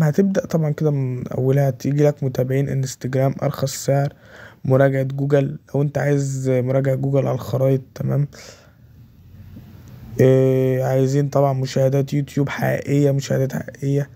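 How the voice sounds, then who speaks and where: A man's voice: mid-range voice, vocal fry, dark tone. A man with an Egyptian accent walking viewers through a website in a casual tutorial, saying "okay" between every step. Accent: Egyptian Arabic. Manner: keeps repeating "okay" between steps. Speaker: tutorial presenter. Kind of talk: casual screen walkthrough.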